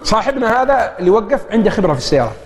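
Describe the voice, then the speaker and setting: A man's voice: high voice, very fast, slightly rough. A man with a Saudi accent preaching and telling a story, acting out the voices of the people in it. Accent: Saudi Arabic. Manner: lively storytelling that acts out the dialogue. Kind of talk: storytelling sermon. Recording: long hall reverb.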